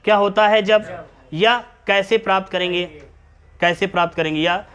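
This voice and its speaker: High-voiced man teaching chemistry. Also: fairly even intonation, moderate pace, fairly bright tone, clear, resonant tone. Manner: repeatedly checks understanding, calls students beta. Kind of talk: classroom lecture. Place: classroom with students.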